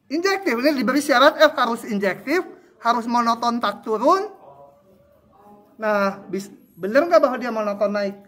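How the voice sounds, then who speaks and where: A man's voice: very high-pitched, expressive, fairly bright tone. A male lecturer giving a university math tutorial, drawing graphs while he explains and quizzing students with short questions. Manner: slow, thinking aloud with fillers.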